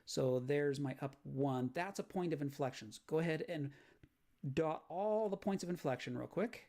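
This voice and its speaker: A man's voice: on the high side, normal speed, warm tone. A man teaching a math lesson on video, explaining graph sketching step by step and checking in with "right?". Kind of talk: recorded lecture walkthrough.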